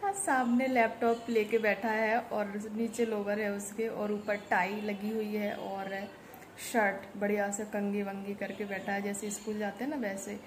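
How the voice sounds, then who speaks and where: A woman's voice: mid-range voice, a little slow, low-quality recording. Chatty woman vlogging at home. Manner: chatty, rambling, with frequent "uh" fillers. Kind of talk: casual daily vlog talk to camera. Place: indoors at home. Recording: steady background noise in a home.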